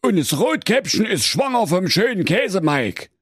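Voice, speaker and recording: A man's voice: sits high, very animated, normal speed, husky, no echo, studio quality, exaggerated voice. A man voicing a naive, muddled fairy-tale brother who rambles and bumbles through his complaints. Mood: complaining.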